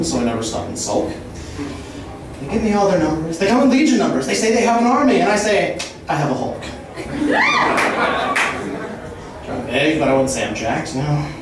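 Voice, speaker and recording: Theatrical man's comedy rant in a very echoey room. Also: fairly high pitch. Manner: rambling chained wordplay and rhymes, theatrical. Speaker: stand-up comedian. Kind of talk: escalating stand-up comedy rant. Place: live stand-up venue. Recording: very echoey room, distant mic, clear noise.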